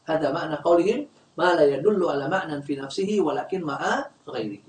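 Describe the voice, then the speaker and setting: A man's voice: on the high side, lively intonation, a little fast. Male grammar teacher in a classroom, echoey room, mic set far off, quizzes the class as he goes. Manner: quizzes the class, leaves words unfinished for students to complete.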